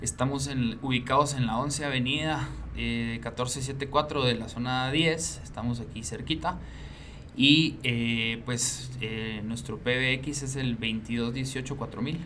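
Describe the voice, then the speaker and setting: A man's voice: mid-range voice, a little slow. A man, a business owner telling stories as an interview guest. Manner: animated storyteller. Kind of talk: casual interview. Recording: faint ambient noise.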